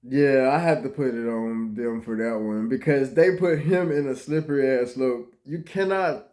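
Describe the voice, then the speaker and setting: A man doing reaction commentary on clips, talking casually with profanity and swinging between low mutters and loud outbursts. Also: moderate pace.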